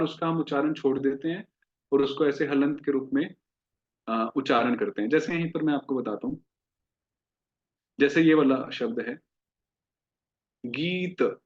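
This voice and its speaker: A man with a slightly raised voice teaches pronunciation, speaking at a very unhurried pace. He drawls out example words and keeps turning to his listeners with questions. The recording sounds dull and lo-fi. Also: fairly high pitch. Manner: slow, drawn-out demonstration of each word; explains patiently with questions to listeners. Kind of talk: classroom lesson.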